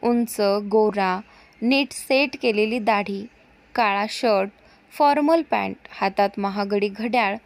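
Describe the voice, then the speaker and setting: A woman reading a romantic story aloud in a steady, clear narrating voice. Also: medium pitch, takes it slowly, no room sound.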